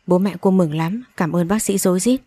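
This audiobook narrator has a fairly low, warm voice and a brisk delivery. She reads a dramatic storybook aloud, acting out all the characters' lines with strong emotion, in a dry recording.

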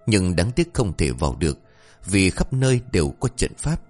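Lively male folk-tale storyteller. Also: deep voice, moderate pace, soft background music. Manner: lively, expressive narration. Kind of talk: narrated folk ghost story.

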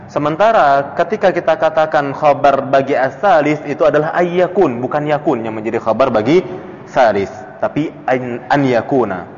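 A man's voice: normal speed, a little hiss or hum. A man teaching a classical Arabic text to a study circle, quizzing students by name and chuckling between points. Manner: questions students by name, chuckles, animated pitch jumps. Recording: dull lo-fi audio in a reverberant room.

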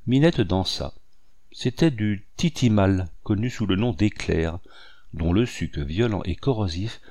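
A man reading a nineteenth-century novel aloud in a measured, expressive storytelling manner. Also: lowish voice, dry recording. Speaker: audiobook reader.

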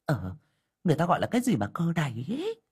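A woman's voice: sits low, wildly swooping pitch, fast talker, darkish tone, breathy edge, exaggerated voice. A woman voicing a gossiping, superstitious older village woman who talks in a chatty, dismissive way. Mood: knowing gossip.

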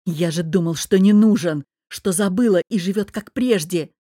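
A woman voicing a proud, hurt young man who snaps and shouts, in an audiobook. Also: fairly low pitch, moderate pace, no echo, clean studio sound, natural voice. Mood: shaken. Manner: agitated, snapping. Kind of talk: audiobook character voice.

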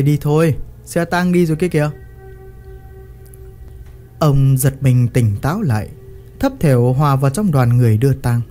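A man reading a story in a measured, dramatic storytelling manner. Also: mid-range voice, mellow. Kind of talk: scripted story narration. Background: faint music.

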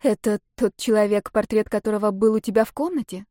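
A woman voicing excitable young violinist Marta. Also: mid-range voice, fast, no echo, studio quality, close to an everyday voice. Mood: anxious. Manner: excitable, blunt questions.

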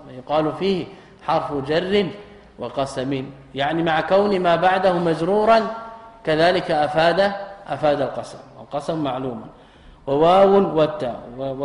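A man's voice: on the high side, a little mellow. A man, a sheikh, teaching Arabic grammar in a recorded lesson, asking rhetorical questions and repeating key terms. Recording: echoey hall reverb.

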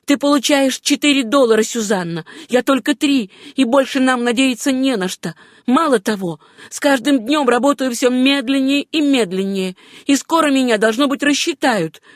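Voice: medium pitch, expressive, measured pace, no echo, studio quality, voice pushed up, lightly acted. A reader voicing a timid young poor working girl, speaking in an anxious, pleading way in an audiobook. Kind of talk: audiobook character voice.

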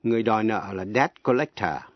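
A man teaching an English lesson on the radio, speaking slowly and spelling words out letter by letter. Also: on the low side, animated, no room sound. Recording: dull lo-fi radio broadcast.

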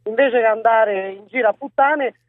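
A woman's voice: on the high side, normal speed, no room sound. A woman doctor calling in to a talk show over a weak mobile phone line, arguing her point insistently. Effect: heard over a weak mobile phone line. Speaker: radio call-in caller, a doctor. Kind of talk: arguing with the host on a call-in show. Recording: tinny dry phone line.

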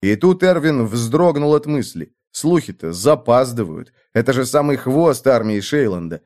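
A man's voice: mid-range voice, animated, moderate pace, a little mellow. A man reading a battle scene aloud in dramatic, rhythmic clipped phrases. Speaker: audiobook narrator. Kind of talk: scripted narration.

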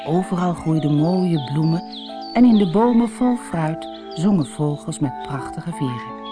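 Woman reading a children's story. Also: lowish voice. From Netherlands. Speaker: audiobook reader. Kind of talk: storybook narration.

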